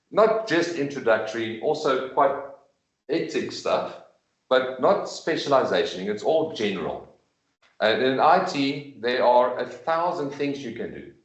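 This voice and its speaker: Man, medium pitch, informal explanatory presentation, conversational, roomy echo, video call meeting. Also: highs cut off. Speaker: presenter at a school information evening. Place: room with in-person attendees, streamed on a video call. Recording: echoey room, video call recording.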